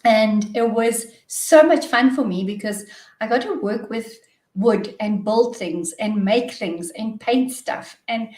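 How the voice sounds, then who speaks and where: A woman's voice: on the high side, slow pace, far from the mic. South African woman in an echoey room. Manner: cheerful, laughs often, warm storytelling. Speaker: guest, wellness coach. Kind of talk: podcast interview.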